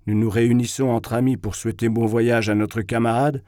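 A man's voice: medium pitch, flat delivery, fairly quick, mellow, dry recording, studio quality, close to an everyday voice. A man reading a novel aloud, voicing a blunt young man who scolds brusquely. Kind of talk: audiobook character reading.

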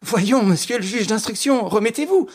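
A man voicing an eager young male amateur detective in an audiobook reading, with a husky voice. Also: a little high, a little slow, a little mellow. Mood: urgent.

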